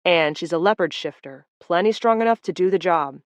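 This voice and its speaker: A woman reading aloud voices a calm man speaking slowly and clearly to soothe someone. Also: fairly low pitch, dry recording, close to an everyday voice. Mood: matter-of-fact. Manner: slow, clear, coaxing. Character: calm man casting a soothing memory spell.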